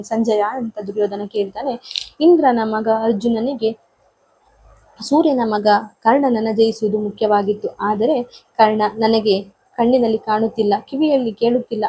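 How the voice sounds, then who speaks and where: A woman's voice: on the high side, warm tone, breathy edge, rough recording. A woman teacher explaining an exam text, paraphrasing verses and then retelling them in simple everyday words. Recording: half recorded without mic, uneven volume.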